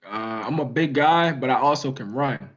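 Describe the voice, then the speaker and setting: A teenage high school football player from Maryland giving brief, hesitant interview answers with many "um"s and a polite "yes, sir". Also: male voice, normal speed, a bit bright, highs cut off. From Maryland, USA. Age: teens.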